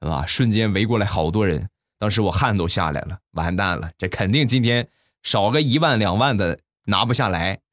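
A man hosts a comedy show, spinning jokes and anecdotes with a playful, lively delivery. His voice sits low. The sound is dry and close, with no room echo. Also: fairly quick. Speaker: podcast host. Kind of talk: comic storytelling.

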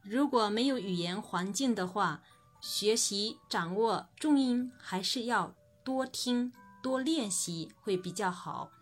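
A woman's voice: mid-range voice, soft background music. Patient woman teaching a language lesson. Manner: explains patiently, then says example words slowly and clearly.

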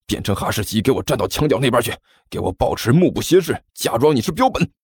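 A man's voice: mid-range voice, very animated, brisk, breathy edge, no echo, clean studio sound. A man voicing a fat, grumpy man who scolds and complains in exasperation. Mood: scolding.

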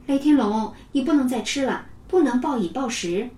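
A woman's voice: high-pitched, animated, moderate pace, a little mellow. A woman voicing a kind but firm kindergarten teacher who gives instructions in a children's story. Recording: roomy, from off the mic.

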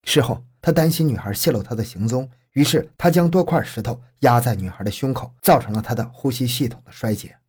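Husky male true-crime storyteller. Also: mid-range voice, darkish tone. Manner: measured, grave storytelling. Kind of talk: scripted true-crime narration.

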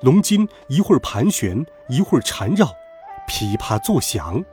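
A man telling a classic myth as scripted storybook narration, dramatic and expressive. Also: mid-range voice, measured pace, soft background music.

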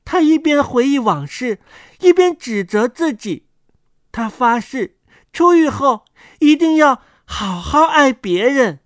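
A woman reading a children's fairy tale aloud in a soft, sweet storytelling voice. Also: high-pitched, big pitch swings, slow, no echo, studio quality. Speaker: co-host storyteller.

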